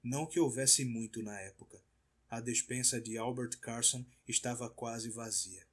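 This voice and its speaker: A man narrating an audiobook in a measured, somber reading. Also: medium pitch, breathy edge. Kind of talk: scripted narration.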